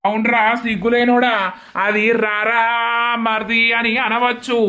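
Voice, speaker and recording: A performer voicing a bitter middle-aged widowed village man in a cartoon comedy, scolding and cursing loudly, with a Telangana accent. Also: medium pitch, level tone, measured pace. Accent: Telangana Telugu.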